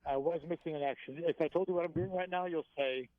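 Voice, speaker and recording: Man, phone guest, tinny phone line, higher voice, excited and animated. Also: quick pace, dry recording. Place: outdoors on a bike ride.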